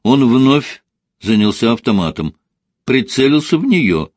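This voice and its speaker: Husky-voiced man narrating a story. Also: medium pitch, unhurried, dry recording, studio quality. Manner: expressive storytelling. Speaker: audiobook reader. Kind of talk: scripted narration.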